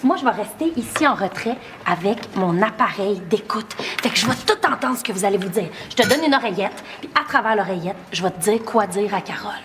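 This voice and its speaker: An actress playing Geneviève, a bossy, scheming friend with a Québécois accent. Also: female voice, mid-range voice, expressive, brisk, hardly any pauses, a bit bright, close to an everyday voice. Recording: noisy background.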